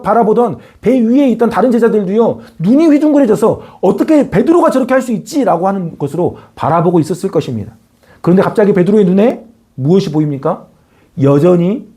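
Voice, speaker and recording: A man preaching a Sunday sermon as pastor, earnest and emphatic, his voice rising on key words and falling soft at the ends of phrases. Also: high voice, husky.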